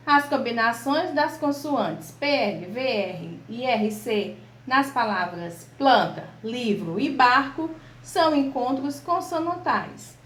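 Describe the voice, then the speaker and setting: Slow, patient Brazilian woman teacher, echoey. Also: high-pitched. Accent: Brazilian Portuguese. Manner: slow, patient, spells out letters and examples. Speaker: primary school teacher. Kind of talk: online class lesson. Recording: echoey room.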